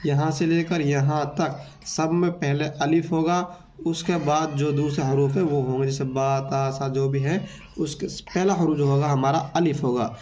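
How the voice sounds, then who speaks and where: A man teaching beginners to read Urdu, explaining the letters and then sounding out syllables slowly one at a time. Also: on the high side, fairly even intonation, a little mellow, a little hiss or hum. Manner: slow syllable-by-syllable drilling. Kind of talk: beginner reading lesson.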